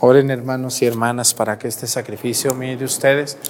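A priest leads Mass in a large church, reciting the liturgy in a solemn, measured cadence. His voice sits at an ordinary middle pitch. Each phrase rings out with a long cathedral echo. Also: little pitch movement, over loud music. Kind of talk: celebrating Mass.

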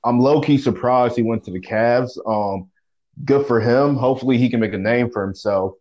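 A man co-hosting a sports podcast over a phone line, talking casually with halting restarts and slang. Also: medium pitch, a little mellow. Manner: halting, repeats words, slangy. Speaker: podcast co-host.

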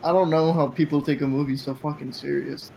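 A man's voice: fairly high pitch, steady tone, brisk, creaky, warm tone, a little hiss or hum, rough recording. A young man co-hosting a podcast in casual, profane banter. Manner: joking, swearing freely. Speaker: podcast co-host.

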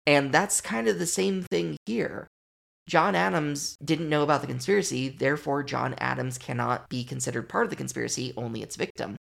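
A man's voice: a little high, moderate pace, vocal fry, a bit bright. A man hosting a history podcast, talking in a casual, wry, chatty way with side remarks. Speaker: podcast host.

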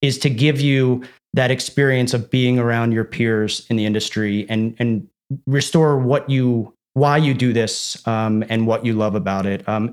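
A man hosting an interview podcast, delivering a polished scripted introduction, then moving into relaxed, joking questions. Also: mid-range voice. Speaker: podcast host.

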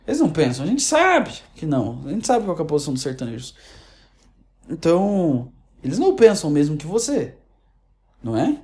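Brief: Brazilian woman, casual sarcastic commentary, rambling restarts, warm dark tone. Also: sits low, sing-song, fairly quick. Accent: Brazilian Portuguese. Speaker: online commentator. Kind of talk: casual opinion rant.

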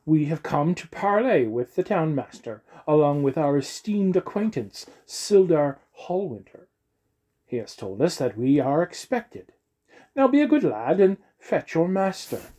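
A man's voice: a little high, big pitch swings, measured pace, dark tone, pitched above the performer's own voice. A man voicing a courteous young nobleman who speaks in a formal, flowery way. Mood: courtly.

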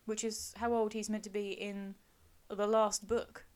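A woman's voice: mid-range voice, little pitch movement, unhurried, darkish tone. Enthusiastic woman podcaster. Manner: enthusiastic, gushing. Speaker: podcast co-host. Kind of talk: casual chat.

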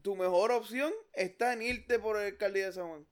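A man's voice: high-pitched, moderate pace. A man with a Puerto Rican accent co-hosting a casual political chat, blunt and swearing freely as he cuts in. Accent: Puerto Rican Spanish. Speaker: podcast co-host.

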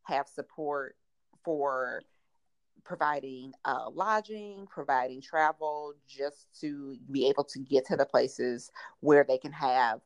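Low-voiced, frank woman podcast host. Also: slow, no room sound, poor audio. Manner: frank, colloquial, emphatic. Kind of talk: casual podcast discussion.

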